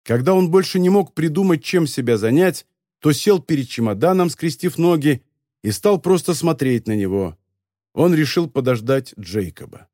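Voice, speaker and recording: A man narrating a novel as an audiobook, in lively, expressive storytelling. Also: a little high, moderate pace, no room sound, clean studio sound. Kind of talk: scripted narration.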